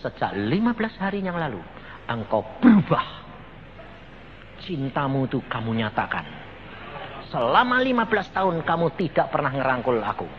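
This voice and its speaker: A preacher voicing a tender older wife. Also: male voice, mid-range voice, very animated, moderate pace, long pauses, close to an everyday voice. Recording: dull lo-fi sound with faint background noise.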